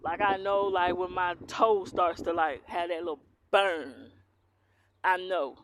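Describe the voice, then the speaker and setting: Her voice is on the low side, fairly even and a little slow: a young tarot reader from Philadelphia with a strong Southern accent from her upbringing in the US South. Clear background noise accompanies her casual, defiant, swear-heavy rant to camera.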